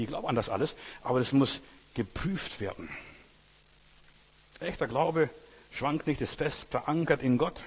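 Husky, emphatic male preacher. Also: mid-range voice, in a large hall. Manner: emphatic, addresses listener directly, repetitive. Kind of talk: sermon.

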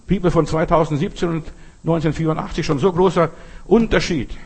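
A man preaching a sermon who talks to his listeners directly, swinging between emphatic bursts and slow, quiet lines. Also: on the high side, steady tone, slightly rough. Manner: addresses listeners directly with "weißt du" and "verstehst du".

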